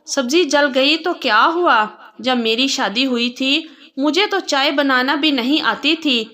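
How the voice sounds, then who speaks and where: A woman's voice: high voice, pushed and bright. A woman reading a kind mother-in-law. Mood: reassuring.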